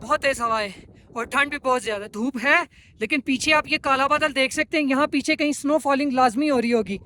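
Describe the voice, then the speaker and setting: A man's voice: extremely high pitch, a little fast, bright, forceful tone. A man vlogging casually outdoors on a windy mountain pass, raising his voice to be heard over the wind. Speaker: travel vlogger. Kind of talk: casual outdoor motorbike vlog. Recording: windy, noisy outdoor audio.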